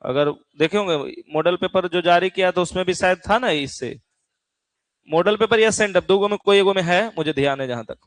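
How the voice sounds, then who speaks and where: A man's voice: high voice, normal speed, no room sound. A middle-aged man with a Bihari accent teaching an exam-prep physics class in a folksy way, often checking in with his students. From Bihar, India.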